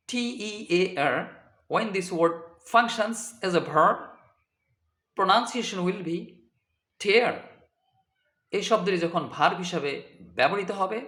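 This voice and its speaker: An English tutor with a high, sharp-toned voice leads a slow, deliberate vocabulary lesson in a reverberant space. He spells the words out letter by letter and translates every example.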